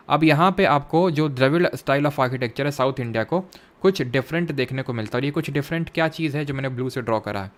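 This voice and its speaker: A young Indian-accented man leads an exam-prep history class. He keeps asking his students questions and then answers them himself. English terms turn up all through his speech, and his pitch sits at an ordinary middle level. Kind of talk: classroom lecture with quiz questions.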